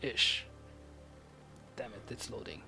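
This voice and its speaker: A young man streaming a story game live, joking and reacting loudly with muttered asides. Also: on the low side, slow, gravelly. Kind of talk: casual live-stream commentary. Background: game music.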